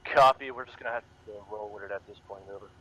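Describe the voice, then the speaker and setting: Man, mid pitch, rapid military radio replies, lo-fi sound, noisy background. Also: fairly even intonation, sharp tone. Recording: dull radio sound, clear vehicle noise.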